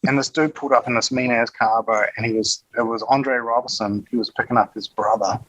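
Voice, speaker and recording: Podcast guest, male, broad Kiwi, husky voice, close dry sound, slangy and matey storyteller. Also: medium pitch, fairly even intonation, brisk, a bit bright, dry recording, muffled recording. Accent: broad New Zealand. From New Zealand. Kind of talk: casual chat, storytelling.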